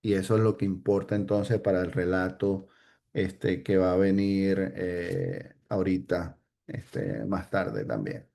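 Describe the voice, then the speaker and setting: Slow, halting man teaching Bible study. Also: deep voice, creaky, mellow. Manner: hesitant, many fillers and restarts, checks in with "ok?". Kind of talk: informal Bible study talk.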